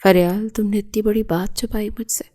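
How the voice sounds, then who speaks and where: A woman voicing a young husband who speaks with intense devotion, in a low-key emotional reading. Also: fairly even intonation, mellow, close to an everyday voice. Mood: insistent.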